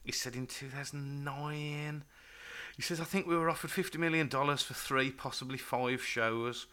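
A man's voice: medium pitch, steady tone, moderate pace, pushed and bright. A man hosting a casual podcast chat, stopping and starting as he digs for names. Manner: chatty, stop-start, trails off recalling names. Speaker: podcast host.

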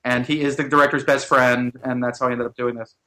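A man talks quickly and brightly, giving his views as a film critic guest. He speaks in opinionated run-on asides with a bright, pushed tone. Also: mid-range voice, flat delivery. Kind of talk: casual chat.

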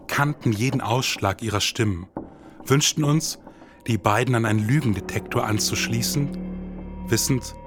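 Over music, a man with a mid-range voice narrates his podcast unhurriedly as a brooding, dramatic noir detective. He hosts the show in scripted, hard-boiled style.

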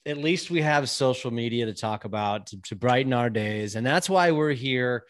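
A man's voice: mid-range voice, moderate pace, no room sound. A man in his forties hosts a podcast in a casual, chatty way. His voice is nasal and congested from a cold. The sound is close and dry, with very little room in it. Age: 40s. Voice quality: nasal, stuffed-up. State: has a summer cold. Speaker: podcast co-host.

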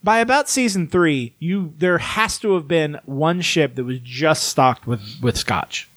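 A man's voice: on the high side, a bit bright, dry recording. Swearing, rambling man in casual chat. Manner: rambling, swears freely, does quick impressions. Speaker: podcast co-host.

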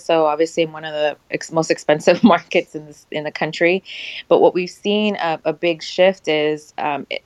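A woman's voice: deep voice, dry recording. A woman who invests in real estate, speaking on a panel in a confident, matter-of-fact way. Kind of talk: panel discussion.

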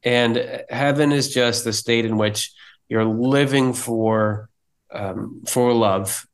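A man's voice: medium pitch, fairly even intonation, slow pace. Earnest man explaining faith. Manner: earnest, explanatory, with frequent restarts. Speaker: podcast co-host. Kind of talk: casual theological discussion.

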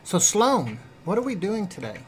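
A man's voice: high voice, very animated, moderate pace, slight background noise. A man asking playful questions in a casual chat outdoors at a flying field.

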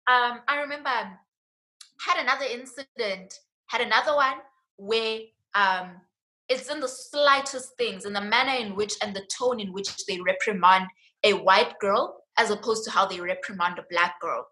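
A woman's voice: medium pitch, moderate pace, bright, forceful tone, poor audio. A young woman in her late teens with a South African accent, retelling personal experiences in an emphatic, indignant way. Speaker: student guest. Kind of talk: personal storytelling in conversation.

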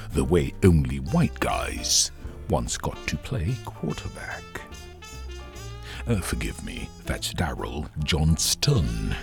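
A man delivers a scripted commentary slowly, in wry and formal phrasing. His intonation leaps up and down very dramatically, with faint music behind the voice. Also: low-pitched, creaky, a little mellow. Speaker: podcast host. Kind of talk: scripted opinion commentary monologue.

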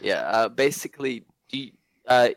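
Male caller with a British-tinged Australian accent, hesitant, gravelly low voice, dry sound. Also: no echo. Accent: British-influenced Australian. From Hong Kong. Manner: hesitant, halting with fillers and laughs. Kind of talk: phone-in question.

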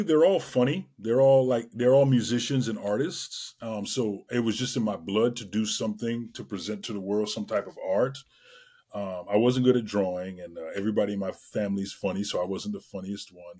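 Guest: middle-aged man, lower voice, slightly husky, chatty storyteller. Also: normal speed. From Trinidad and Tobago. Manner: lively storyteller, many fillers. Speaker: guest entertainer. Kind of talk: casual interview chat.

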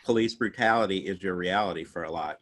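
Thoughtful low-voiced man on a podcast. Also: fast, fairly bright tone. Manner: thoughtful, hesitant, searching for words. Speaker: podcast co-host. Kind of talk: casual podcast chat.

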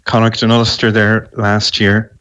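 A man's voice: lowish voice, completely flat delivery, measured pace, a bit bright, smooth. A middle-aged man from the west of Ireland with an Irish accent, chatting casually as a guest on a radio phone-in. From Galway, west of Ireland. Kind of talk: casual interview chat.

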